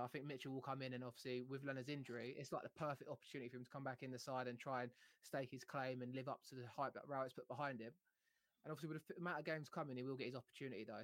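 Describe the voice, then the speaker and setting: Male football host, mid-range voice, fast casual debate, reasoning aloud. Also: medium pitch, no echo. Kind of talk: casual football panel chat.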